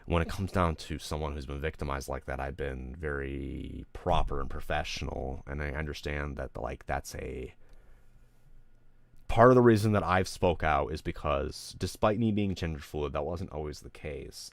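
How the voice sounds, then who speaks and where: A man's voice: rumbling low, fairly even intonation, normal speed, vocal fry, no room sound. A streamer man ranting candidly to his live audience, rambling, emotional and full of swearing. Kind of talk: candid venting on a livestream.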